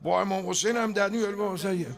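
A man with a high voice gives a conversational sermon, joking with his listeners and breaking into loud outbursts. A live crowd is clearly heard behind him at the gathering. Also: fairly even intonation. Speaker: preacher.

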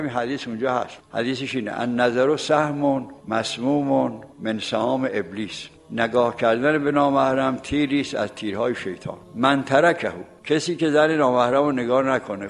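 A man in his late seventies preaching a sermon. He recites old religious sayings slowly, then explains them in plain, folksy speech and tells stories from his youth. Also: medium pitch, gravelly. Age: late 70s. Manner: reminiscing, folksy storytelling. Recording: long hall reverb.

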